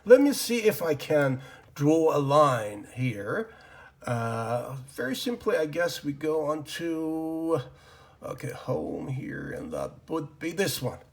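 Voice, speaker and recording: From his desk, a man whose first language is Persian gives an informal English grammar lesson at an unhurried pace. His slightly high, creaky voice swings widely in pitch. He rambles, fills pauses with ums and uhs, and mutters to himself while drawing on the board.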